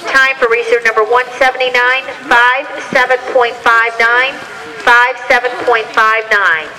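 A woman announcing racer numbers and finish times over a loudspeaker at a ski race. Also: a little high, steady tone, a little slow, low-quality recording. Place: outdoor ski slope.

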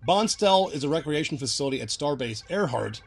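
A man hosting a casual recap video, chatty and quick to laugh as he explains references. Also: a little high, lively intonation, creaky, breathy edge. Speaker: video host.

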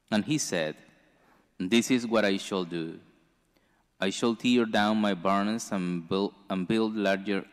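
In the echoing sanctuary of a church, a male priest with a deep voice reads from the gospel and offers a homily. His delivery is unhurried and measured, broken by careful pauses, captured by a stand mic at the lectern.

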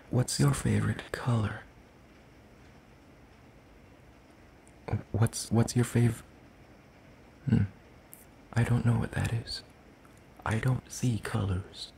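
In a soft ASMR roleplay, a man plays a lanky, ancient, world-weary demon, murmuring hesitantly and breathily in formal language. His voice is fairly low, the mood puzzled and curious, with slight background noise.

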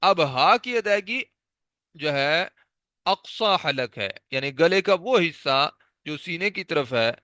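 A man with a Pakistani Urdu accent gives a tajweed lesson, patiently walking through how each letter is formed and repeating the sounds slowly for practice. His voice is bright, smooth and fairly high for a man, and it is recorded dry and close. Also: expressive, dry recording. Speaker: Quran recitation teacher.

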